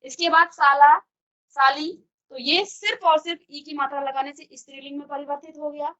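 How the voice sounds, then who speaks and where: Bright-voiced woman teaching a grammar lesson. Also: sits high, steady tone, normal speed, dull audio. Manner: explains step by step, often asks and answers her own questions. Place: virtual classroom studio.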